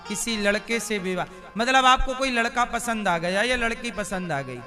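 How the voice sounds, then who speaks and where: A man's voice: very high-pitched, moderate pace, over music. A man preaching a sermon, asking the audience questions and answering them with emphasis.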